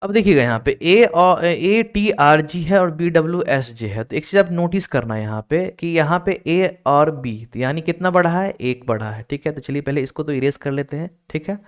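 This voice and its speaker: A man with a fairly high, smooth and clear voice teaches a recorded reasoning class for exam aspirants. He works through each step and keeps checking that students are following. He urges them to solve the problems quickly. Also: lively intonation. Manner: explains step by step, keeps checking with "ठीक है?" and urging students to hurry. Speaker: online exam-prep teacher.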